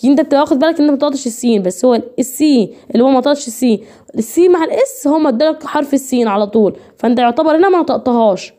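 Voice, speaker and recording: Egyptian woman, English teacher, high voice, mellow tone, repeats and drills points. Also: lively intonation, rapid-fire. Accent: Egyptian Arabic. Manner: repetitive, drilling explanations, addresses students directly. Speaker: English teacher for nursing students. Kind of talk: online lecture.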